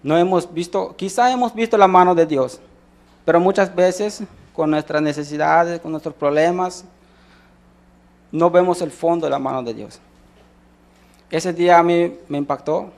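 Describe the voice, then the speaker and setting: A man's voice: a little high, moderate pace, creaky, pauses often, darkish tone. A man with a Mexican Spanish accent giving a sermon testimony, telling his story with many restarts and voicing the people in it. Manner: storytelling, acts out quoted dialogue, frequent restarts.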